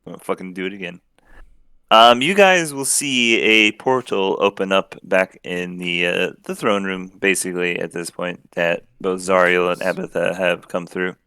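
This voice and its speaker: A man's voice: sits low, fairly even intonation, a little slow, hardly any pauses, sharp tone, smooth, dry recording. A young man acting as game master, narrating a tabletop game in a casual, loose way with lots of fillers.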